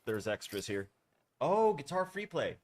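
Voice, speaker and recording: A man's voice: on the high side, very animated, unhurried, a little mellow, slight background noise. A man streaming a game from home, chatting casually in a blunt, firm way that rambles with fillers. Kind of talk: casual livestream chat. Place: home room.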